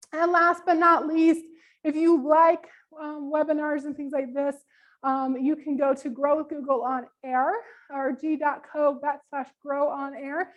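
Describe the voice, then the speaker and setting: High-voiced woman presenting a workshop. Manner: casual, many ums, friendly instructions. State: losing her voice. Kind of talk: live webinar workshop.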